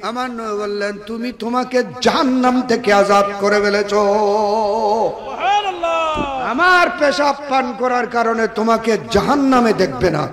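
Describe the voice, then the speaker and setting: A male preacher, telling a story in a sermon and moving from quiet lines to loud shouts. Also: very high-pitched, measured pace. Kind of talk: sermon at an outdoor religious gathering. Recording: reverberant PA sound with a crowd.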